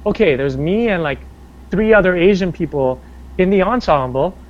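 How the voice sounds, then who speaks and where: An actor of stage and screen, interviewed as a guest, talks casually and rambles with plenty of fillers and restarts. His voice is expressive and darkish, a bass singing voice at a moderate pace. The sound is dull and lo-fi.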